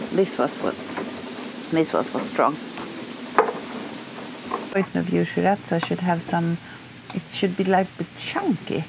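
A middle-aged woman from Sweden with a Swedish accent, chatting casually in English while cooking and eating in a small boat cabin, relaxed and laughing easily. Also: lowish voice, slow pace, vocal fry, long pauses, very noisy. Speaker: sailing vlogger.

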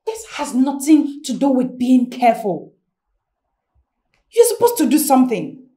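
A woman's voice: high-pitched, big pitch swings, unhurried, dark tone. An actress with a Nigerian accent playing a defiant young woman who confronts the person she works for. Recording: roomy echo.

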